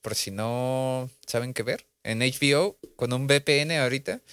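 A man's voice: mid-range voice, moderate pace, clear, resonant tone, no echo. Joking man on a podcast. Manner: joking, relaxed recommendations with slangy asides. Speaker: podcast co-host. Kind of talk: casual podcast chat.

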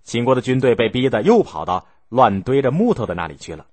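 A man telling a history story in a lively, expressive way, acting out the scenes. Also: mid-range voice, fast, dry recording.

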